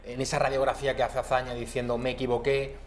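A man's voice: mid-range voice, level tone, fast, slight background noise. A young adult man hosting a discussion in a TV news studio, steering it with questions and an ironic edge, recorded on a lapel mic. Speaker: TV presenter.

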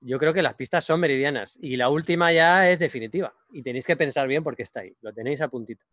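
A man in his thirties from the Madrid region, teasing his co-hosts while slowly reading quiz clues on a video call. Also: medium pitch, a bit bright, no echo, clean studio sound. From Madrid region, Spain. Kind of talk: casual video-call chat. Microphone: video call with earphones.

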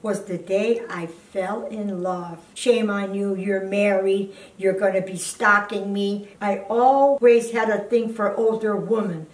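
Seated in an armchair in her living room, a blunt grandmother in her eighties reads fan fiction aloud for a video channel, stumbling through the text and breaking in with indignant scolding. Her medium-pitched voice keeps a fairly even intonation, picked up by a distant microphone in a roomy space.

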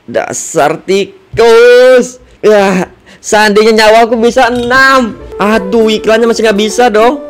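A man giving excitable let's-play commentary as a gaming channel host, yelping and shouting at the game as he plays. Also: high voice, slow pace, smooth. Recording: game music playing behind.

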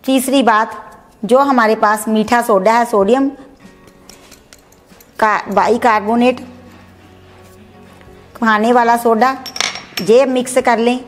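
With soft music playing behind her, a cooking channel host speaks slowly in a steady, high-leaning voice and pauses often. The middle-aged woman demonstrates a recipe in her home kitchen, chatting through each step and mixing in English words.

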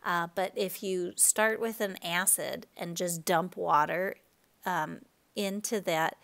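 Woman, chemistry teacher, gravelly low voice, relaxed explaining, recorded lecture. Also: slow. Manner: explanatory, relaxed, with fillers and self-corrections.

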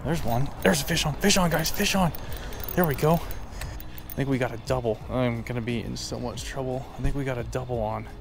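A gravelly, medium-pitched voice belongs to an American fishing vlogger in his thirties, talking at a moderate pace by a small lake. Background noise accompanies his relaxed, upbeat, chatty commentary.

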